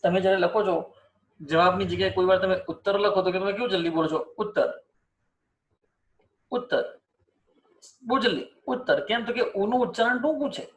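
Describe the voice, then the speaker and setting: A man with a notably high-pitched voice leads a spelling lesson. He keeps asking his students questions and drills each example word by repeating it aloud. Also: fast talker. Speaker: teacher. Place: teaching setup with screen and cursor.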